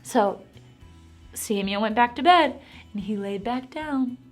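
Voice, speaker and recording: An animated, encouraging woman who teaches a Bible lesson to preschool children. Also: fairly high pitch, slow pace, soft background music.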